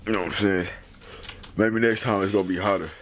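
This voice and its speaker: A man's voice: deep voice, fairly even intonation, fast, a bit bright. A young man hosting a casual challenge vlog with friends, slangy and profane, his mouth and nose burning from spicy food. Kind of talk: casual chat with friends and viewers. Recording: clearly noisy room recording.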